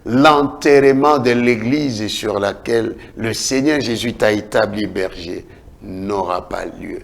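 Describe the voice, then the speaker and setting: A man preaching a sermon as a prophet, declaiming in a repetitive cadence and swinging from loud calls to hushed lines. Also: fairly low pitch, slow pace, creaky. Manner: dramatic preaching with big swings between shouts and hushed lines.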